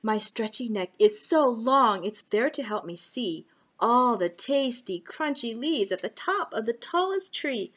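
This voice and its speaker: A middle-aged woman hosting a children's puppet story time, reading a picture book in simple, clear phrases. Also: a little high, expressive, unhurried, fairly bright tone.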